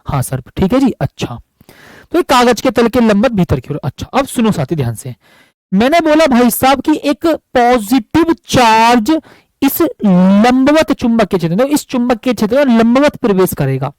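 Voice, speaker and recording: A high-pitched man gives a physics lesson at a board. He talks affectionately and repeats each point again and again. His voice sounds dry and close, with almost no room around it. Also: big pitch swings, normal speed, darkish tone, no echo, rough recording. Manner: affectionate, repetitive, calls students buddy. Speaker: physics teacher. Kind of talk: board lecture.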